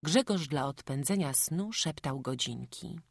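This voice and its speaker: A woman narrating an audiobook in a calm, even reading voice, recorded close in a studio. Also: low voice, measured pace, vocal fry, breathy edge, no echo. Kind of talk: scripted narration. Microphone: close studio mic.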